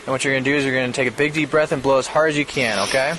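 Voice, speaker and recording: A man's voice: mid-range voice, flat delivery, racing. A male police officer giving matter-of-fact, explanatory instructions during a roadside arrest, recorded as body cam audio. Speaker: police officer making a drunk-driving arrest. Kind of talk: procedural spoken instructions at a roadside stop. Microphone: body-worn camera microphone. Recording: body cam audio, clear background noise. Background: vehicle and ambient noise.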